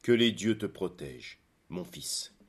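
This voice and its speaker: A man's voice: low-pitched, big pitch swings, measured pace, breathy edge, heavily acted. Man voicing Hecuba, solemn old queen mother. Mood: grave. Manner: grave, quiet.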